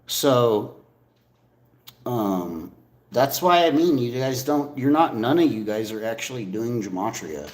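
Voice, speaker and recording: A man hosting a casual livestream, talking loudly and insistently to his viewers from a room with a strong echo. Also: medium pitch, lively intonation, slow. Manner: loud, insistent, slangy. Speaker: livestream host. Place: echoey room.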